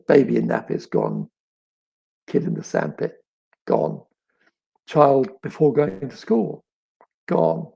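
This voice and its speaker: Here a middle-aged man with a raspy, crackly voice, as though a frog sits in his throat, speaks at medium pitch with a dark tone. As an author fielding audience questions, he muses aloud and spins stories, pausing thoughtfully and stressing key words.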